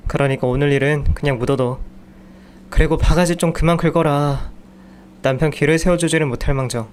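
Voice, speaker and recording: A man's voice: a little high, fairly even intonation, a little fast, a little hiss or hum, lightly acted. A man voicing a whiny young husband who grumbles about every hard job. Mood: grumbling. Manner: sulky, complaining.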